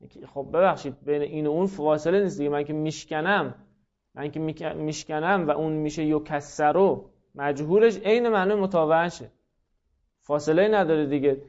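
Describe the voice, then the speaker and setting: A man's voice: a little high, a little mellow. A man teaching a class, explaining step by step, often repeating himself and putting questions to his students. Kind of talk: classroom lecture. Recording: dull lo-fi recording.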